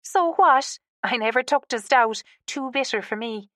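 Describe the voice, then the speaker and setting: A woman's voice: fairly high pitch, lively intonation, unhurried, a bit bright, dry recording, clean studio sound, pitched above the performer's own voice. Woman reading as a wry, teasing woman friend.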